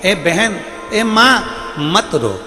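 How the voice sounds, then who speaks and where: Man playing a calm, wily guru. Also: sits high, drawn-out words, pitched above the performer's own voice, full character voice. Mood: persuasive. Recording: echoey hall with faint music.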